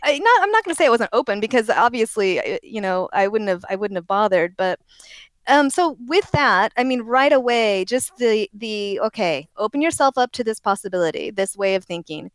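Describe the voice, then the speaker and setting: In a laid-back interview, an Oregon woman whose voice sounds very young chats as a guest, self-correcting, wandering off on tangents, and laughing frequently. She talks briskly with lively intonation in a mid-range voice, and there's no room sound.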